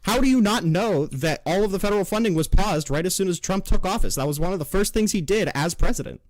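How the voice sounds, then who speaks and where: Brief: squeaky-voiced male debater, pushy and sarcastic, talks over people; dry close mic. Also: expressive, fast, no room sound. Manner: insistent, interrupting, sarcastic. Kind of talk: heated online debate.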